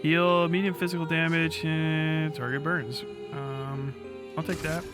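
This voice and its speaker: A higher-pitched man delivers flat, slightly slow commentary while livestreaming a game, the game's music audible behind him. He's crude and sardonic, swearing heavily throughout the casual stream talk.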